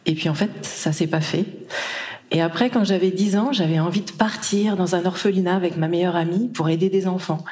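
A woman's voice: fairly low pitch, a little fast, a little mellow. A woman from Brittany giving a live conference talk in a hall, chatty, with many fillers and restarts. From Brittany, France. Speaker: conference speaker.

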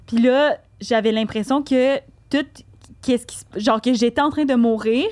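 A young woman co-hosting a podcast, her voice a touch higher than most. She talks quickly and candidly, as if confiding in friends. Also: a little mellow. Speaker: podcast co-host. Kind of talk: casual chat.

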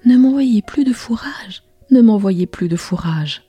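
A woman's voice: on the low side, lively intonation, measured pace, mellow, slightly rough, no echo, soft background music, exaggerated voice. A woman voicing a tiny, plucky boy in a whispered bedtime storybook role-play, with eager exclaiming whispers. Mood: pleading.

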